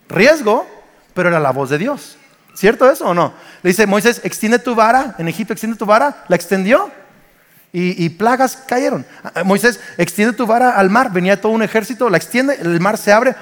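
Animated Mexican preacher, high voice. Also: male voice. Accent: Mexican Spanish. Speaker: pastor. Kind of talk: sermon. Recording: long reverb of a church hall.

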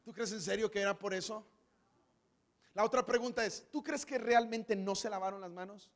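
A man's voice: high-pitched, moderate pace. A man with a Mexican Spanish accent preaching a comedic sermon, animatedly acting out the story. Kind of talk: comedic sermon with acted scenes. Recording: long hall reverb.

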